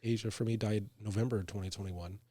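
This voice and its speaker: A man's voice: fairly low pitch, brisk, dry recording. A man co-hosting a casual podcast chat, talking frankly and often ending with "right?". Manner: frank, animated, tag questions "right?". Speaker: co-host.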